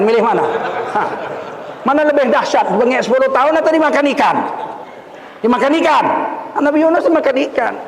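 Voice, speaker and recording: Male preacher, high voice, animated storyteller, echoey hall. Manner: animated storyteller, asks the crowd questions. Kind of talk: lively sermon with stories. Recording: echoey hall, faint ambience.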